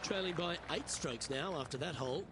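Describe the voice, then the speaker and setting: A man's voice: fairly high pitch, brisk. A man working as a golf commentator, calling play-by-play for a golf broadcast. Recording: crowd and outdoor noise behind voice. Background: loud crowd and outdoor ambience.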